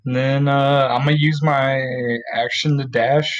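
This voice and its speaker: A man's voice: medium pitch, flat delivery, unhurried. A man talking casually as a player in a tabletop game. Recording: dull lo-fi sound.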